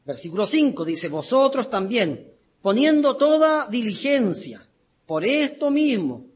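A man preaching a sermon, reading scripture aloud and explaining words slowly and deliberately, repeating key terms for emphasis. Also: very high-pitched, very animated, slightly rough.

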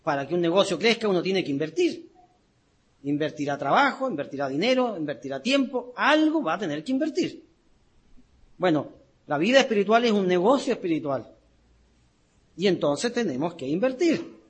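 A man preaching a sermon, reading scripture aloud and explaining words slowly and deliberately, repeating key terms for emphasis. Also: high-pitched, big pitch swings, husky.

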